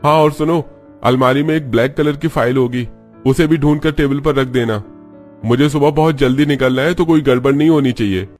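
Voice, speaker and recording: A man voicing a short-tempered young husband in a cartoon story who yells and accuses, with faint music behind. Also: medium pitch, fairly quick, pitched above the performer's own voice, natural voice. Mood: bossy. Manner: yelling, accusing.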